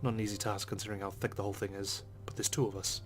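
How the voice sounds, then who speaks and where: A low-pitched man rapidly reads the narration of a visual novel in a let's play, game music running underneath. His tone stays level, with hardly any rise or fall.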